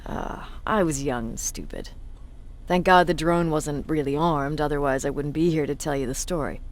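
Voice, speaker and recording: With a low-sitting voice at normal speed, a woman voices a video game's battle-hardened resistance commander. Her manner is blunt and authoritative, her mood wry and reminiscent.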